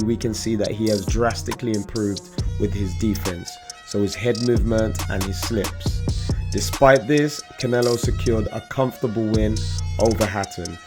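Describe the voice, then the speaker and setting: A man giving a scripted voice-over recap as a video channel host. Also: fairly low pitch. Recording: loud music under voice-over. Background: music.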